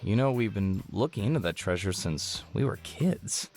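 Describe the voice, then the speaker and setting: Game casting: a laid-back young guy, relaxed and friendly, lively inflection. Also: on the low side, moderate pace, vocal fry. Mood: easygoing. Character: easygoing young man, good-natured and calm. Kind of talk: game voice acting.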